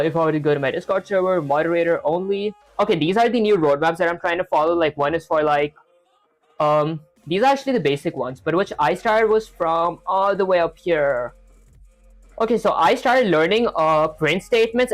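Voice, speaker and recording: Reading chat while he streams his coding practice live, this young man rambles casually, leaning heavily on filler words. His voice is high-pitched and the audio quality is poor.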